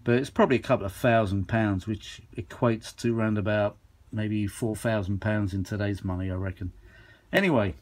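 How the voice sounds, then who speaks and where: A vintage audio enthusiast shows off his gear in a handheld demo from a carpeted room at home, chatting off the cuff and rambling with informal enthusiasm. His lowish, darkish voice stays steady at a moderate pace.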